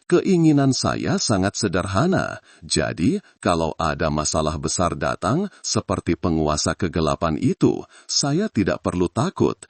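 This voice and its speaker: A man doing a calm, humble old villager. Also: sits low, slightly rough, no echo, full character voice. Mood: calm, plain. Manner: polite, plain-spoken, unhurried.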